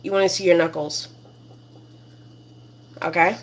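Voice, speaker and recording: A woman's voice: on the low side, steady tone, measured pace. A woman hosting a casual cooking demonstration in her home kitchen, chatty and rambling with many fillers. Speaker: cooking show host.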